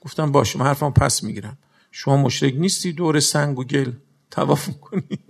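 A man's voice: mid-range voice, creaky, slightly rough. A man preaching a sermon, telling stories with acted-out dialogue between speakers. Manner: storytelling, acts out dialogues, laughs at his own story. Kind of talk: sermon with anecdotes and Quran recitation.

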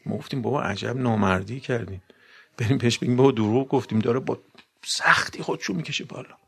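A man's voice: medium pitch, creaky, fairly bright tone, husky. A man preaching a sermon to a gathering, mixing recited Arabic verses into plain talk and often putting questions to his listeners.

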